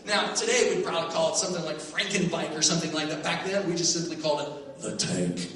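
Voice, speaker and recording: A man from Arizona telling a story on stage, lively and often laughing as he acts out the voices. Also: fairly high pitch, fast talker. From Phoenix, Arizona, USA. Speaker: storyteller and teacher. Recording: echoey hall, voice from far off, faint noise.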